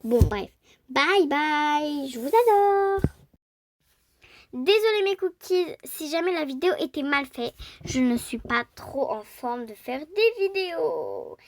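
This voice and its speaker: A woman from France chatting excitedly while playing a role-play game, squealing over cute things. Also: high voice, slow pace, no room sound. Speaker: gaming YouTuber. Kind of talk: casual gameplay commentary.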